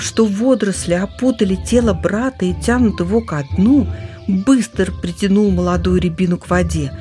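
Storybook narration, lively storyteller, faint background music. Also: mid-range voice, breathy edge. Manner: lively, shifting voices for animal characters.

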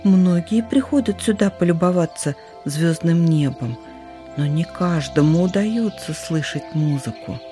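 A storyteller voicing a calm, wise forest creature who speaks softly and thoughtfully. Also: mid-range voice, a little slow, soft background music, close to an everyday voice. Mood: musing.

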